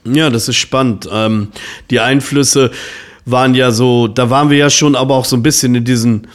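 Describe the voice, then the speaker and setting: A man in his forties hosts an interview podcast in a casual chat, his mid-range voice keeping a fairly even intonation at a normal speed. His questions run long and rambling, packed with fillers and restarts.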